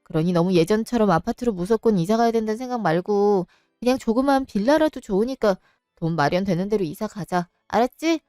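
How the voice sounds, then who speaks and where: A weary, defensive young husband, as a woman narrator puts him on in a storybook drama. He pleads in a lowered, smooth tone. Dry, close sound with faint music. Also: animated, a little fast, mellow, no echo, close to an everyday voice. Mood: pleading. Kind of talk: storybook voice acting.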